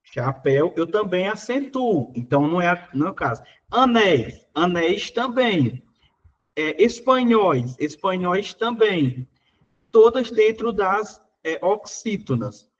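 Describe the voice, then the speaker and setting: A man's voice: high voice, big pitch swings, unhurried, highs cut off. A Brazilian Portuguese man teaching, working through exam questions in a casual, conversational way, full of little fillers.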